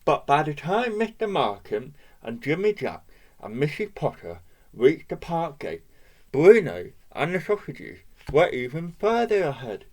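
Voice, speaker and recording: A man's voice: fairly high pitch, sing-song, unhurried, a little mellow. A man reading a children's picture book aloud, asking the listener questions and pointing out the pictures. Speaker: storybook reader.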